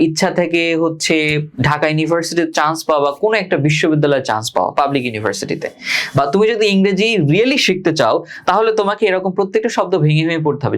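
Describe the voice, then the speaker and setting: A man with a Bangladeshi accent teaching an English lesson to exam students, repeating key words and asking and answering his own questions. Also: on the high side.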